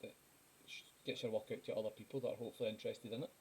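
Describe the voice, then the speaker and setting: A man hosting a live drawing stream, talking in a relaxed, rambling way to his viewers. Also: lowish voice, very fast, husky. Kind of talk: casual chat.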